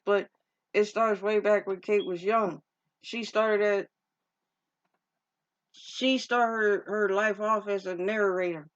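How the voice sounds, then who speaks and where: A woman casually recapping a movie's plot in a rambling, informal way, often restarting her sentences and using slang. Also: medium pitch. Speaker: movie reviewer. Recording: dull lo-fi recording.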